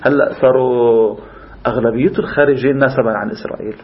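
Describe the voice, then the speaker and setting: Levantine guy teaching religion class, talks fast, animated explaining, bit muffled recording. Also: medium pitch, a crowd in the background. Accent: Levantine Arabic. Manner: animated, explanatory, switches between classical and colloquial Arabic. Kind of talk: informal lecture with discussion.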